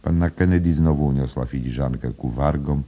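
A man's voice: extremely low pitch, fairly quick, dark tone, breathy edge. A man reading a literary audiobook aloud in a rhythmic, musical way. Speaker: audiobook narrator.

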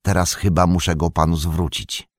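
A man's voice: low voice, flat delivery, normal speed, dry recording, studio quality. A man voicing a loyal, sturdy male hobbit servant who speaks in a hearty, folksy, deferential way. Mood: earnest.

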